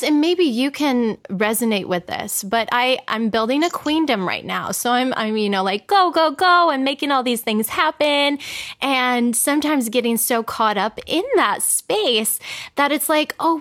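A woman's voice: a little high, fairly bright tone, no echo, studio quality. A flirty, effusive woman with an American accent, hosting a casual, chatty podcast. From United States. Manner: flirty, effusive, uses endearments. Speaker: podcast host, sex expert.

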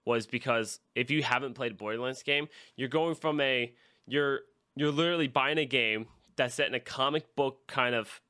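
Bright-voiced man chatting about games. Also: medium pitch, moderate pace, clean tone. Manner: rambling, filler-heavy game opinions. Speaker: podcast co-host. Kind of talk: casual chat.

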